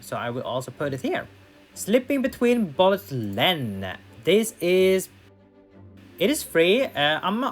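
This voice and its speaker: Man talking through a game tier list. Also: fairly high pitch. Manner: thinks aloud with fillers and restarts. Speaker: gaming YouTuber. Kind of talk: casual tier list commentary.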